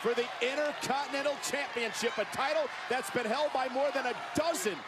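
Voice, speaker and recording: A man calling live wrestling play-by-play, excitable, with clipped, emphatic phrases. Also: very high-pitched, a little fast. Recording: live arena broadcast with very loud noise. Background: loud arena noise.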